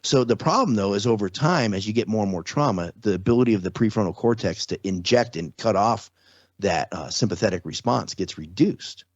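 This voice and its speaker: A man with a fairly low, husky voice talks in an animated, brisk way as a podcast guest; he is a trauma survivor and former security contractor. He explains things casually, restarting and repeating phrases and often checking in rhetorically. The recording is dry and sounds dull.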